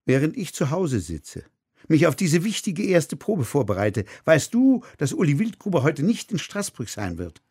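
A man's voice: measured pace, creaky, a little mellow, husky, exaggerated voice. A man reading aloud from his book, putting on an irate elderly male theatre director who repeats his questions. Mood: indignant. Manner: furious, shrill, repeats questions.

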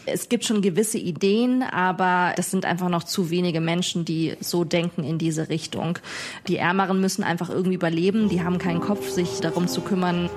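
A woman's voice: lowish voice, fairly even intonation, fairly quick. A woman reporting as a foreign correspondent for a radio feature, matter-of-fact.

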